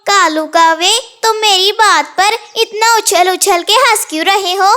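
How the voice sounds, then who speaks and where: Gentle cartoon sparrow girl, voiced by a woman, very high bright voice, slow and plaintive. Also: exaggerated voice. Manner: pleading, plaintive. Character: sad young female sparrow, gentle.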